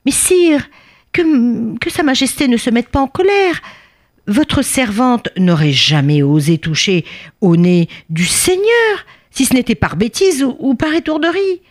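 A woman voicing a tiny, newborn female bee who pleads with the king in a high, stammering voice. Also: big pitch swings, unhurried. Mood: pleading. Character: tiny young female bee, timid and flattering.

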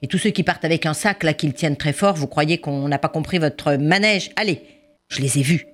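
A woman's voice: sits low, fairly quick. Stern accusing policeman, as a woman plays him. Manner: insistent, accusing. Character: stern, suspicious male police officer.

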